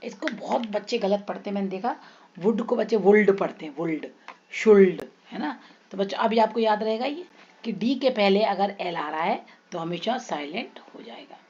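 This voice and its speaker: A woman with an Indian accent teaching an English grammar lesson, repeating example words slowly and putting questions to her students. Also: medium pitch, animated, darkish tone, dull audio. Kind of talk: classroom lesson explaining rules.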